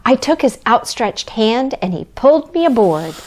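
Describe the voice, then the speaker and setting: A woman playing a kindly Mrs. Claus, reading a children's storybook aloud in a gentle, deliberate, expressive way. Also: fairly high pitch, a little hiss or hum. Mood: gentle, wondering.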